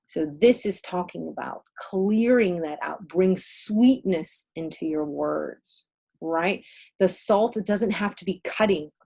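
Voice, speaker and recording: A native Spanish-speaking woman with a slightly low, gravelly voice, dark in tone and a bit rough, co-hosts a casual spiritual healing livestream. She gives readings in a conversational way, leaning on emphatic phrasing and pausing for effect.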